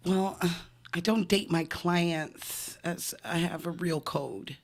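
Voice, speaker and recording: A woman's voice: fairly low pitch, slow, pitched below the performer's own voice. A woman voicing a frank, coy professional woman who speaks in a dry, matter-of-fact way, in a comedic scripted read. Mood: deadpan.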